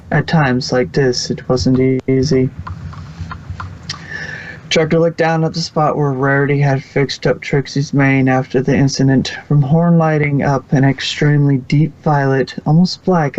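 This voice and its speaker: A medium-pitched, darkish male voice narrates a scripted fan fiction story, at times tripping over words and reading them again, on a slightly muffled recording.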